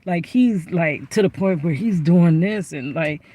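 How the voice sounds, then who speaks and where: A woman's voice: lowish voice, unhurried, dark tone, dry recording. A woman chatting animatedly to camera from inside her car, telling a story with lots of asides. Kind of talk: casual storytime.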